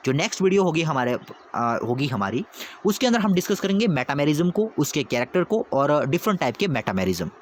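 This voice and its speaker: A man's voice: fairly high pitch, very animated, fairly quick, a little hiss or hum. A man teaching a lesson step by step, asking questions and answering them himself, often checking that students follow. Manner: explains step by step, constantly asking and answering his own questions; repeats 'theek hai?' to check understanding. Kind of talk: whiteboard lesson.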